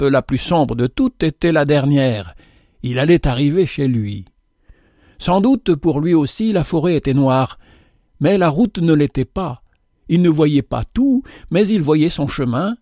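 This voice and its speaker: A man's voice: on the high side, a little mellow, no echo, clean studio sound. Man reading a parable dramatically. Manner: slow, theatrical, preacherly. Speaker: narrator.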